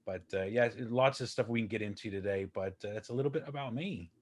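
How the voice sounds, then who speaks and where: A Texas man in his forties, a guest on a podcast, speaks in a low voice at a quick pace. In casual interview talk he rambles in a chatty, friendly, self-deprecating way, full of ums, uhs and restarts.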